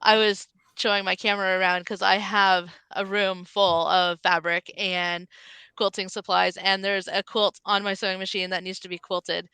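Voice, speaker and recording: Woman, crisp clear voice, gravelly fry, casual podcast guest, dry close sound. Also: mid-range voice, flat delivery, moderate pace, pushed and bright, no echo. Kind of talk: casual chat.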